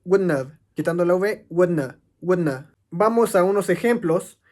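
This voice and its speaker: A man's voice: sits high, moderate pace, darkish tone. A man teaching English grammar, explaining step by step and answering his own questions. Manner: explanatory, asks questions and answers them himself.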